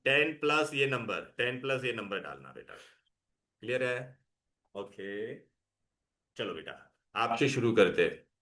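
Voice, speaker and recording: Bright-voiced male teacher coaxing a class. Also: mid-range voice, expressive, measured pace, pauses often. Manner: coaxing, calls students "beta", mixes Hindi and English. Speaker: chemistry teacher. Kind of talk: classroom lecture. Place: classroom with students.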